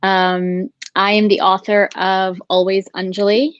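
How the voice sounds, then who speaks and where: A woman, an author and actress, speaking in an unhurried, relaxed way on a video call panel. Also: medium pitch, no room sound. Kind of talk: panel discussion. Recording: dull, dry call audio.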